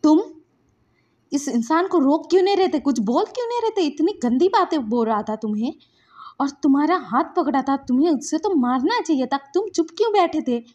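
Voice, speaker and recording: A woman reading a fan story plays a possessive young man in a rage. He shouts and scolds in a fairly high voice. The recording is dull and lo-fi. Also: expressive, fairly quick. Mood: furious. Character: furious possessive young man, protective boss. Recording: dull lo-fi sound.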